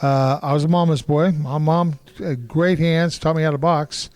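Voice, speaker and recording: A man's voice: a little high, fairly even intonation, normal speed, a little mellow. A man in his sixties from Kansas City, a martial artist telling his life story in an interview, blunt and rambling with frequent restarts. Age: 60s.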